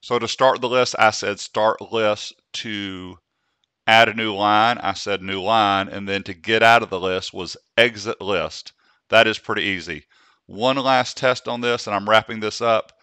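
A man hosting a screen-recorded software tutorial, speaking slowly and deliberately so he can demonstrate dictation commands. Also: fairly low pitch, steady tone, clean tone, no echo.

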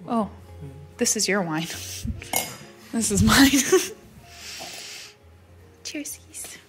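A woman's voice: mid-range voice, expressive, extremely slow, over music. A young woman vlogging casually at home, recorded on a phone camera, chatty and laughing easily between fillers. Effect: voice captured on a phone video. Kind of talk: casual chat.

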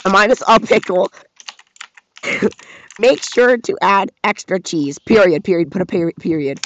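A man's voice: sits high, animated, a little slow, fairly bright tone. A young man in a joking casual chat on a voice call, giggling and egging his friend on. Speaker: co-host on a call. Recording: dry dull lo-fi voice call.

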